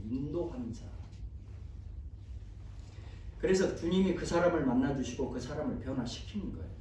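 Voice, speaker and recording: A man's voice: fairly high pitch, warm tone, slight background noise. A man pastor preaching a sermon, firm and emphatic, putting rhetorical questions to the congregation. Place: church sanctuary. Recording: very echoey hall, voice far from the mic.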